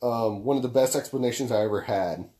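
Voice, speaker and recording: Talking briskly in a warm, deep baritone, a young man co-hosts a podcast in a casual, laid-back way. He swears freely and explains things through long stories.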